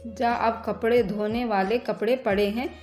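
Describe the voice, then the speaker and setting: A woman voicing a sharp older mother-in-law who taunts and scolds. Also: on the high side, steady tone, unhurried, reverberant, faint music behind, lightly acted. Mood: taunting angry. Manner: sarcastic, angry.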